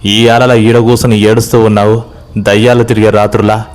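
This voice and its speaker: A man voicing a pushy village man with a Telangana accent who asks loud, urgent questions. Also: lowish voice, little pitch movement, normal speed, lightly acted. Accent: Telangana Telugu. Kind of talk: horror story voice acting.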